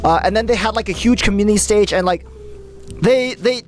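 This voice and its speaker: A streamer chatting casually with viewers, rambling and excitable, full of fillers and swearing. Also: mid-range voice, brisk, a little hiss or hum. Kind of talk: casual live-stream chat.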